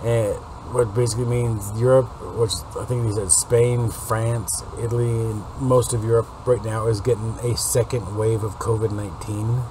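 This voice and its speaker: Male vlogger, late 40s, lowish smoker's rasp, casual and rambling, clearly noisy webcam sound. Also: little pitch movement, moderate pace, few pauses. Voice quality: raspy smoker's voice. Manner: rambling, informal. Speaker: video host. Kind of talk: casual news update to viewers. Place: unfinished basement room. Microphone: webcam or laptop mic at desk distance. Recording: noisy webcam recording with background hum.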